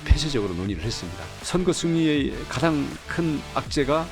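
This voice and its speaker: A man's voice: fairly high pitch, big pitch swings, a little fast, music in the background. A man in an interview clip, making assertive claims with rising emphasis. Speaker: politician in interview.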